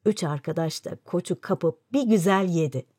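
A woman narrating a folk fable in a clear, even storytelling delivery. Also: on the low side, moderate pace, dry recording, studio quality. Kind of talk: scripted fairy-tale narration.

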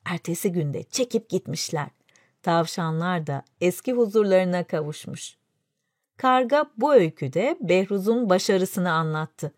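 A woman narrating a folk fable in a clear, even storytelling delivery. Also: on the low side, unhurried, no room sound, clean studio sound. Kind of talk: scripted fairy-tale narration.

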